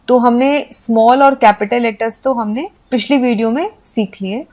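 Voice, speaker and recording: A woman giving a patient video lesson for Hindi speakers, explaining step by step and spelling letters out slowly. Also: fairly high pitch. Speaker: English teacher.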